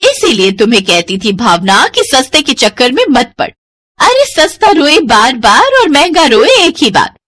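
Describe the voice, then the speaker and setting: A woman's voice: sits high, wildly swooping pitch, normal speed, a bit bright, heavily acted. A woman voicing an elder daughter-in-law who lectures the younger one about money. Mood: lecturing.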